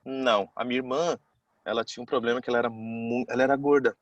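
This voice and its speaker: A man's voice: mid-range voice, steady tone, fast, no echo, dull audio. A man, telling a personal story to a class in a casual, chatty way and acting out the people he quotes. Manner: chatty, keeps saying "cara".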